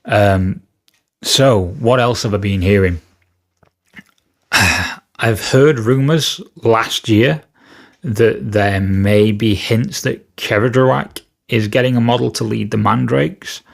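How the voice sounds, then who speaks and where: Freshly awake and a bit rough-voiced, a man with a fairly low voice takes it slowly while talking rumours to camera on his wargaming channel. His chat is casual, full of hedging, self-corrections and fillers.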